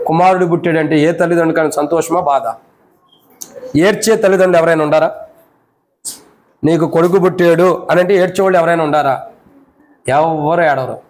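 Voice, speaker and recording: A man preaching at a home prayer meeting, repeating his phrases and asking the listeners questions, dropping to a hush and then rising loud. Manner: swings between a hushed low voice and loud raised preaching. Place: a house during a prayer meeting.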